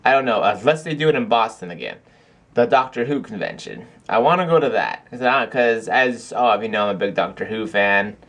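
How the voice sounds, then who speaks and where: A man's voice: fairly low pitch, expressive, fairly quick, a bit bright. A young man chatting casually to camera in a video blog at home, rambling with lots of fillers and restarts. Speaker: vlogger. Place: cold house.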